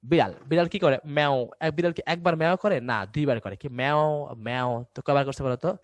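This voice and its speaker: A man's voice: fairly high pitch, animated, fast talker, no room sound, highs cut off. A young man teaching Bangla online, with a dry sound. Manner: quizzing students, answering his own questions. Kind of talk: online class lesson. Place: indoors, recorded for an online class.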